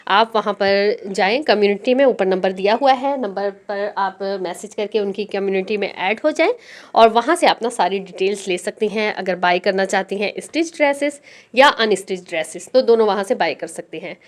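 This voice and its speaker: A woman's voice: mid-range voice, normal speed. A woman hosting a stitching tutorial, chatting directly to her viewers as she walks step by step through dress design details. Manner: explains garment details step by step. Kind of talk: casual dress design walkthrough.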